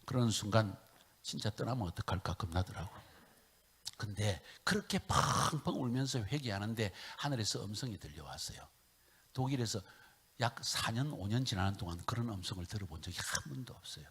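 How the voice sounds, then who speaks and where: A middle-aged missionary preaches a sermon, swinging from hushed whispers to loud calls, having the congregation repeat his lines, and acting out his own tearful prayers. His voice is on the low side and husky, brisk, with lively intonation.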